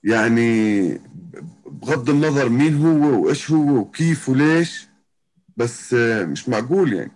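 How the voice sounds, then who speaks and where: This guest, a pro MMA fighter from Jordan, has a mid-range, slightly mellow voice with lively intonation at a normal speed. He talks casually in a Palestinian-Jordanian Arabic accent, frequently going back over his wording.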